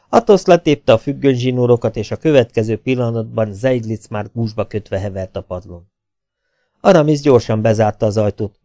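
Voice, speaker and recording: A man with a Hungarian accent narrating an audiobook in an even, measured reading. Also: fairly low pitch, dry recording, studio quality. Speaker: audiobook reader.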